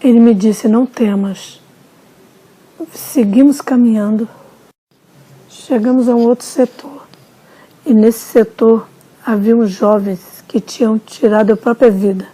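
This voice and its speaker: A woman narrates a religious testimony in a solemn, unhurried way. Her voice sits a little high, with a mellow, darkish timbre. A husky breathiness runs through every phrase. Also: steady tone. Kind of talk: slow dramatic testimony narration.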